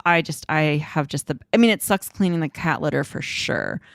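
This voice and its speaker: A woman's voice: deep voice, big pitch swings, normal speed, creaky, no room sound, clean studio sound. A woman co-hosting a casual podcast chat, rambling and emotional, often breaking into laughter. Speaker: podcast co-host.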